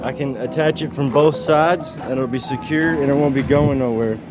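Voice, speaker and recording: A man's voice: mid-range voice, fairly even intonation, normal speed, music in the background. A man gives a casual, folksy, easygoing project walkthrough as a handyman vlogger, slurring slightly and whistling on his s sounds because of dentures.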